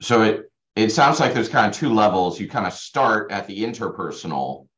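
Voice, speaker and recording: A man's voice: on the low side, expressive, normal speed, a bit bright. A man hosting a casual webinar interview, asking probing questions and offering short affirmations.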